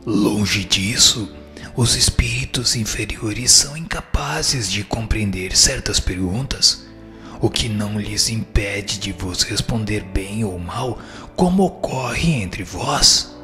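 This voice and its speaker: A fairly low, slow voice that sounds pushed and bright voices a solemn spirit in a radio drama, spoken with a Brazilian accent over music. The character is wise and firm, and the scripted lines are read formally as didactic answers.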